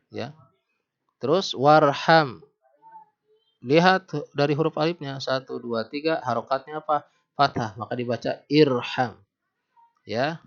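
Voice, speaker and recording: A man teaches Arabic grammar in a patient, questioning way and draws out each recited verse slowly. His voice is gravelly and sits in a middle range. The recording is dull and lo-fi. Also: medium pitch. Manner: patient, quizzes the listener, slows down to recite verses.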